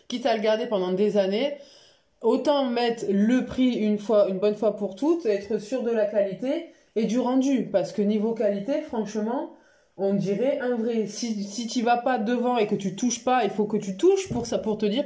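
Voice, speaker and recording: A woman talking casually and frankly in a home haul vlog, chatty and quick to laugh. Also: on the high side, warm tone. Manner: chatty, frank, laughs easily, many fillers. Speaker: beauty vlogger. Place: home living room by a Christmas tree.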